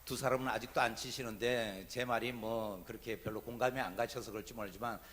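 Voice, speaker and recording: A man preaching as a pastor in church, thanking the choir and telling a humorous childhood story in an animated way. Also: mid-range voice, fairly quick, a little hiss or hum. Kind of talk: sermon with storytelling. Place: church sanctuary.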